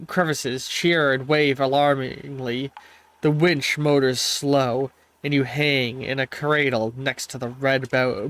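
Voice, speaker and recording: Faint game music plays behind a congested male streamer who stumbles while reading on-screen text and throws out playful trash talk now and then. He has a mid-range, fairly bright voice.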